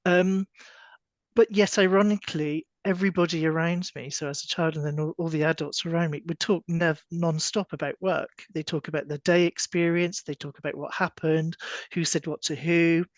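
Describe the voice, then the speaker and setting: A man's voice: on the high side, steady tone, moderate pace, no room sound. A man from West England near the Welsh border, a library union representative speaking reflectively on a panel with many fillers. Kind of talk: panel discussion.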